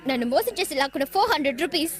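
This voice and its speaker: పదునైన మాటల పొగరుబోతు యువతి. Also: female voice, high-pitched, lively intonation, very fast. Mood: scolding. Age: young adult. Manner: defiant, scolding. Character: headstrong young woman, sharp-tongued and stubborn. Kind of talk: dubbed film dialogue.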